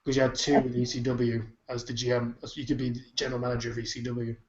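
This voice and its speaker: A man co-hosts a podcast in loose, rambling chat, dropping swear words as he goes. His voice sits at an ordinary pitch. The recording is roomy, echoey and somewhat dull. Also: little pitch movement, fast, darkish tone. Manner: swears freely, rambling with fillers. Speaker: podcast co-host. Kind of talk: casual chat.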